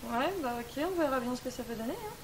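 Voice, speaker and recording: A woman playing a sarcastic young crew member who talks in a quick, dry way. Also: high voice, animated, slight background noise.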